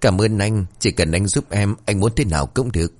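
A man's voice: on the low side, fairly quick, darkish tone, dry recording, natural voice. A man voicing a young female ghost who whines and pleads pitifully. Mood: sweet. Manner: whiny, pleading.

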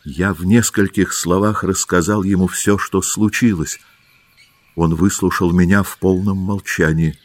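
A man narrating an audiobook in the first person, calm and unhurried. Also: deep voice, dry recording.

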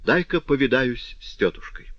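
A man's voice: mid-range voice, lively intonation, moderate pace, fairly bright tone, no echo, highs cut off, voice pushed up. A man voicing a glib, self-assured young lancer officer. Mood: breezy. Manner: jaunty, glib, worldly-wise.

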